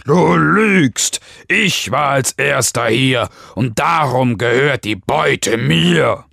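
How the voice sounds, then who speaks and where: Man doing a furious fable lion, roaring, high and loud, dry recording. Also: expressive, slow, creaky, no echo, heavily acted. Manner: shouting, furious. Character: angry male lion, roaring and proud.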